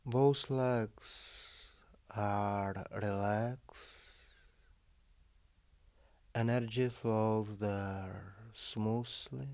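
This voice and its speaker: A man guiding a relaxation meditation, giving calm, measured instructions in short phrases with long pauses between them. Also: fairly low pitch, no echo.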